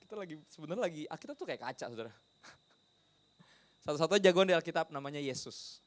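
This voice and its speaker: Conversational preacher, higher voice. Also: male voice, lively intonation, a little fast. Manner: conversational, mixes in English phrases, asks the audience questions. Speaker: pastor. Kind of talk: sermon.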